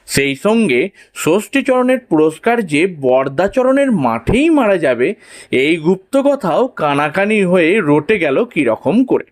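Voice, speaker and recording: A man narrating a humorous story in a measured, playful way. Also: on the high side.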